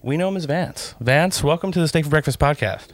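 A man's voice: on the high side, fairly quick, dry recording. A man hosting a casual talk show, reading sponsor plugs and bantering playfully. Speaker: podcast host.

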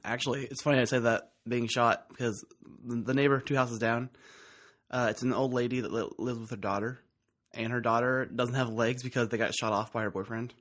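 A young man hosts a laid-back podcast chat across the table from a friend. He teases and jokes in a loose, easygoing way. His voice sits at an ordinary middle pitch. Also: steady tone, a little fast, a bit bright. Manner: joking, teasing. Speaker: podcast host. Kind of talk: casual chat.

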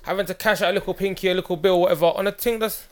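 A young man with a London roadman accent co-hosts a casual podcast. He talks fast in a slightly high voice, heavy on slang. He is insistent, often repeating phrases to get his point over. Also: steady tone. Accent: London roadman, multicultural London slang. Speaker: podcast co-host.

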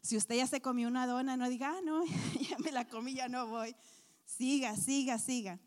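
A woman telling animated comic stories to a church women's audience, acting out voices and groans. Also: high-pitched, normal speed, in a large hall.

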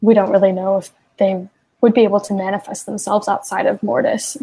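Woman, casual podcast chat, soft-spoken, breathy husky tone, short agreeing replies. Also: mid-range voice, flat delivery, a little fast, poor audio. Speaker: podcast guest or co-host.

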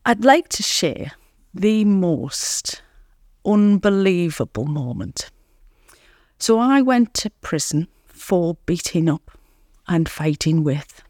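A woman's voice: low-pitched, a little mellow, dry recording, clean studio sound. A woman guest on a podcast, telling her recovery story earnestly and reflectively, often repeating words and saying "you know". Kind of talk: candid recovery interview.

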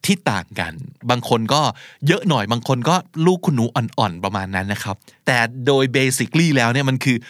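A man's voice: mid-range voice, a bit bright, no echo, clean studio sound. A man from Thailand teaching English vocabulary in a casual, chatty lesson, mixing English terms into his explanations.

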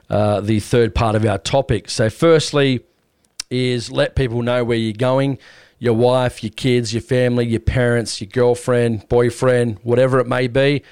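Australian man, blokey, casual podcast host, plain-spoken, medium pitch, dry recording. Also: darkish tone, clear, resonant tone, no echo. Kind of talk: casual hunting podcast talk.

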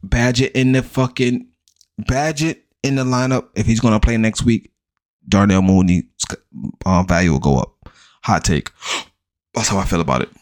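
Deep-voiced blunt fantasy football host. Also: male voice, normal speed, long pauses. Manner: blunt, profane, rattles off stats, mocking hype. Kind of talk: casual profane sports chat.

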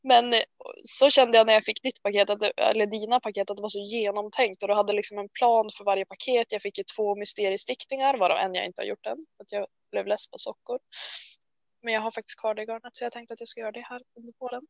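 A woman co-hosting a casual chat, talking in a chatty, self-deprecating way full of quick restarts. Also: mid-range voice, fairly even intonation, gravelly, no room sound, highs cut off. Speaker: podcast co-host. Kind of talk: casual chat about knitting.

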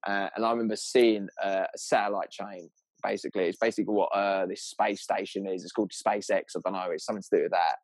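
Fast-talking southern English man, rambling and matey. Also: low voice, fairly even intonation, dry recording. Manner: rambling, sweary, matey, slangy. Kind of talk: casual anecdotal chat.

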